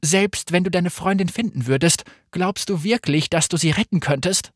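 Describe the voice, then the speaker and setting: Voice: medium pitch, moderate pace, no room sound, studio quality, voice pushed up, lightly acted. Narrator playing a blunt young woman fighter. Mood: firm. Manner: clipped, firm and impatient. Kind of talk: audiobook character voice.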